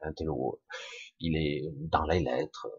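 A man's voice: very deep voice, steady tone, slow pace, muffled recording, very noisy. A man in his fifties musing casually to the camera in a reflective personal monologue, with swearing and filler sounds. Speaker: speaker addressing viewers on camera.

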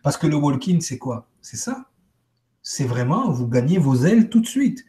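Soft-spoken man, halting and repetitive. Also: fairly high pitch, sing-song. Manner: halting, repeats words, trails off quietly. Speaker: guest speaker. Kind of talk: casual live-stream talk.

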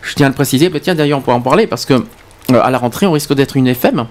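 A man hosting a local radio show, excitable and jokey, stumbling over his words. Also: mid-range voice, quick pace. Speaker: radio host. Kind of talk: casual live radio banter. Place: local web radio studio.

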